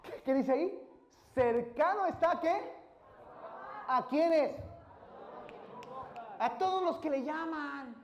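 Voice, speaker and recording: A male pastor preaching a sermon, quizzing the congregation and rising to shouted praise. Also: very high voice, takes it slowly, vocal fry, long pauses, muffled recording, a little hiss or hum. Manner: asks the congregation questions and builds to shouted praise. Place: church hall. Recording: roomy church echo.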